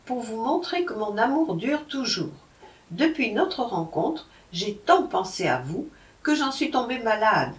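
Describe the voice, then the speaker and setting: A woman's voice: fairly high pitch, big pitch swings, measured pace. A woman reading aloud, voicing an earnest, lovesick young scholar who pleads. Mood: pleading. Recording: roomy, from a distance.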